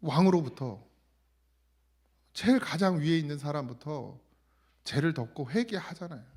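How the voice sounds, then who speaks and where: A middle-aged man preaching a conversational sermon in a church, sometimes quoting God in a lowered voice. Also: expressive, normal speed, darkish tone, breathy edge. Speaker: pastor. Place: church sanctuary.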